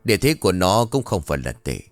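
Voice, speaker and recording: A man's voice: low-pitched, sing-song, fast, no echo, soft background music. A man voicing a blunt, wry older female village shaman who talks brusquely and commandingly.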